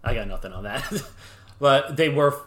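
A mid-pitched man co-hosting a sports podcast, quick to argue and crack jokes. His voice jumps up high when he gets excited, then settles back into plain talk. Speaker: podcast co-host and blogger. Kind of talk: casual sports podcast debate.

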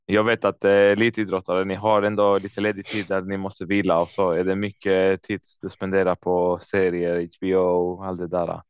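A man hosting a podcast, asking relaxed questions in an even tone. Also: deep voice, hardly any pauses, clean tone, no echo, lo-fi sound. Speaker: podcast host. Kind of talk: casual interview questions.

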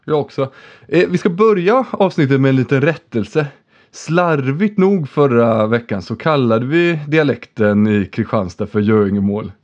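Man, podcast host, chatty and joking, mid-pitched, slightly dull recording. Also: expressive, a little mellow. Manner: chatty, joking, swears casually. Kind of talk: casual podcast chat.

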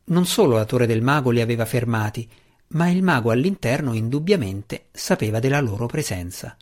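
A man narrating a fantasy audiobook in a steady, measured voice at a middle pitch. The reading is scripted and even-paced.

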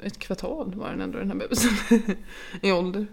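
A woman's voice: medium pitch, fairly even intonation, creaky. A woman in her thirties, chatting casually and telling stories with animation. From Sweden. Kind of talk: casual chat.

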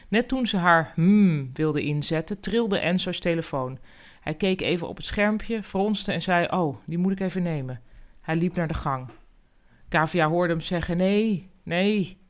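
A narrator reading a storybook chapter in a calm, even-paced storytelling manner. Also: mid-range voice.

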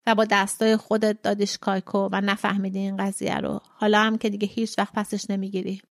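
A woman voicing a playful young woman in a storybook reading, speaking softly and probing gently. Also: mid-range voice, flat delivery, no room sound, clean studio sound, close to an everyday voice.

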